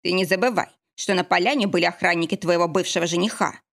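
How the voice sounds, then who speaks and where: Woman doing a gruff, teasing young husband. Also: fairly low pitch, fairly even intonation, quick pace, a bit bright. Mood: proud. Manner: growling, curt.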